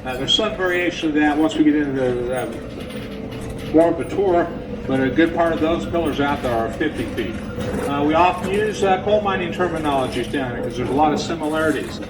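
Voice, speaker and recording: Man, mine tour guide, voice over loudspeaker, distant, noisy vehicle hum, patient explaining. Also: fairly quick. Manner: plain, patient, sprinkled with uh fillers. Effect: voice played over a train car's loudspeakers. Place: underground mine tunnels, riding a tour train. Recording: distant, noisy speaker sound with vehicle rumble.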